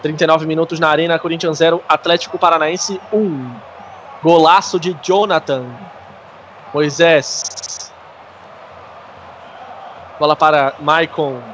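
A Brazilian man gives live play-by-play of a football match. His voice sits fairly high, with faint stadium noise behind it. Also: steady tone, a little slow, long pauses, a bit bright. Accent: Brazilian Portuguese.

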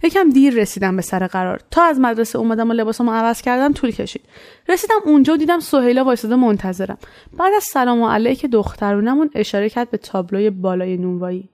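A woman casually telling a story from her childhood, in a conversational way. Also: a little high. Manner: conversational, animated when quoting.

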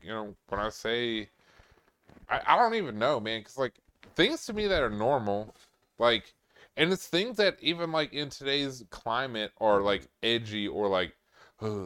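A man's voice: medium pitch, a bit bright, clean tone. A man from New York in casual podcast chat, rambling with lots of filler and swearing.

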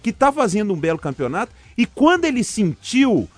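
Lively, higher-pitched man, blunt sports talker. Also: fairly quick, dry recording. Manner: informal, blunt, opinionated. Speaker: football podcast co-host and commentator. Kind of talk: casual sports chat.

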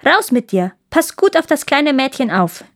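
A woman's voice: high voice, very animated, moderate pace, pitched above the performer's own voice. A fierce, bossy robber girl, put on by a woman reading a fairy tale aloud. She speaks in a raised, blunt and teasing way, like a wild child who likes to give orders.

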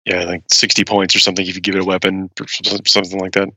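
A man in casual analytical discussion, thoughtful and halting as he works through his ideas. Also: low voice, completely flat delivery, sharp tone, breathy edge, no room sound.

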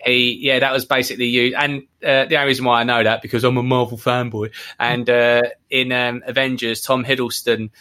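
A man guesting on a podcast, chatting casually with quick, jokey asides. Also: medium pitch, level tone, bright, forceful tone. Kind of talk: casual chat.

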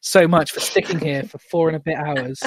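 A man's voice: on the high side, steady tone, moderate pace, dry recording, studio quality. A man hosting a podcast in casual chat, rambling and self-deprecating. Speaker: podcast host.

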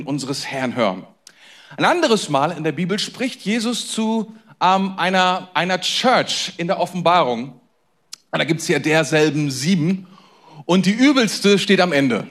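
A man preaching a sermon in a conversational way, talking straight to his listeners and moving between loud emphasis and quiet intensity. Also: high-pitched. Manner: conversational, addresses listeners directly. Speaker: pastor.

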